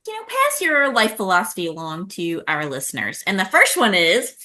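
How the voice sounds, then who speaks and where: A woman's voice: medium pitch, wildly swooping pitch, normal speed, bright, forceful tone. A woman co-hosting a podcast, chatting casually and effusively. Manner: effusive and enthusiastic. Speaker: podcast co-host. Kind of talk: casual chat.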